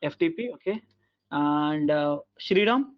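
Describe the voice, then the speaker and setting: A man teaching an online class over a video call, halting and repetitive with many fillers, heard through low sample rate audio. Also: expressive, dull audio. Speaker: instructor.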